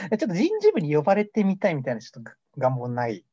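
This young man co-hosting an amateur mock radio show has a fairly high, warm voice with a breathy edge and wildly swooping pitch. He talks fairly quickly, rambling and joking self-deprecatingly. It's a dull, dry lo-fi recording with no room sound.

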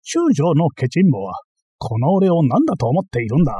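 Brief: male reader doing a blustering, clownish master thief, voice pushed higher, husky, dry close read. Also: lively intonation, fairly quick, warm tone, dry recording. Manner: boastful, ranting, easily flustered. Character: blustering bumbling self-styled master thief, man.

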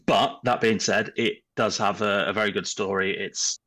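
A young man with a low voice that still comes across bright and forceful, chatting on a podcast. He hesitates a lot, filling gaps with ums, and speaks earnestly about what he did and did not like. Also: fairly even intonation, moderate pace. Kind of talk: casual chat.

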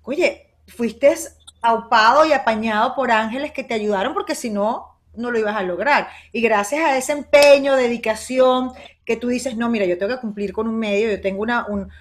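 A woman's voice: fairly high pitch, moderate pace. A woman hosting a casual interview, effusive and emphatic. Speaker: host.

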